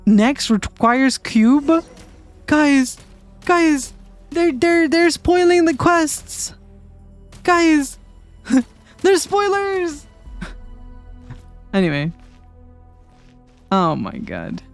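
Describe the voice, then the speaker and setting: A woman streaming a game playthrough, reacting excitedly, giggling and talking to her viewers. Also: sits high, very slow, long pauses, soft background music.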